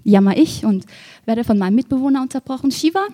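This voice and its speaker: A woman performing spoken word poetry with a rhythmic, rhyming delivery that swings between soft and loud. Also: on the high side, quick pace.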